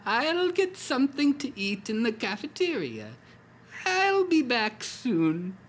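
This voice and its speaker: A man reading a comedy fan story aloud and voicing an old wife at her dying husband's bedside in a high, drawn-out falsetto. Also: wildly swooping pitch, a bit bright, a little hiss or hum, exaggerated voice. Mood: tender.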